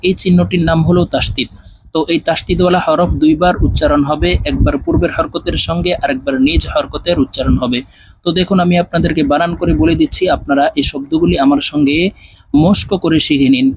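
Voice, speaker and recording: A man with a Bangladeshi Bengali accent teaching Quran reading, spelling out Arabic letters and syllables slowly for learners to repeat. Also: fairly high pitch, slight background noise, low-quality recording. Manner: slow, drawn-out recitation of syllables.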